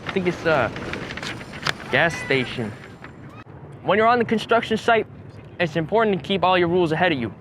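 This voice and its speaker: A man's voice: sits high, lively intonation, fairly bright tone. A young man playing a rambling, dopey construction worker. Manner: rambling, halting, mock-serious. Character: laid-back, dim male construction worker. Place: outdoor construction site by a road. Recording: traffic noise outdoors.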